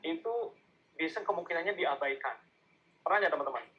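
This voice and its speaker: A man's voice: on the high side, a little fast, lo-fi sound. A man with an Indonesian accent giving a casual online marketing lesson, often asking his listeners questions and acting out sales calls. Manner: conversational, asks the audience questions, acts out sales calls. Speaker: digital marketing speaker. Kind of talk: online masterclass lecture.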